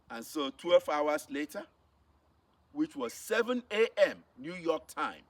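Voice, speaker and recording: A gravelly, fairly bright voice on the high side belongs to a middle-aged Nigerian-accented man giving his testimony as a missionary. He tells the story to camera emphatically, repeating phrases for effect, captured by a distant mic with faint background noise.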